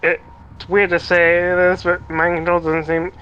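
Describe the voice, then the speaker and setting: A man chats casually during a game with a smooth, bright voice. He is laid-back and hesitant, taking his time over his words. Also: high-pitched, completely flat delivery, unhurried, lo-fi sound. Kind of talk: casual chat.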